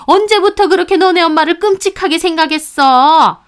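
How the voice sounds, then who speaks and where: A woman's voice: very high-pitched, normal speed, voice pushed up. A woman voicing a spiteful older mother-in-law who scolds with sneering contempt. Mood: scolding.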